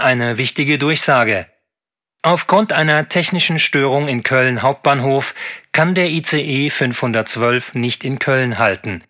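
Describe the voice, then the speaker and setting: A man reading a formal, measured train announcement over the intercom. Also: medium pitch, bright, forceful tone. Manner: formal, measured, evenly paced. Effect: heard over a train intercom. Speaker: train announcer in a listening exam. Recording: dull, muffled intercom sound.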